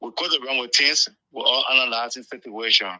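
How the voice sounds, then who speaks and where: A man's voice: mid-range voice, steady tone, fast, pushed and bright. A Liberian man calling in to a talk show, earnest and repeating himself as he makes his point. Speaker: caller. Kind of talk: call-in radio talk. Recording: dull lo-fi phone call.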